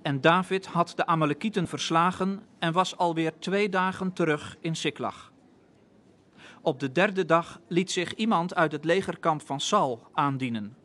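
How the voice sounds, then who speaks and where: Male scripture narrator, slow, solemn, measured delivery. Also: on the high side, fairly bright tone.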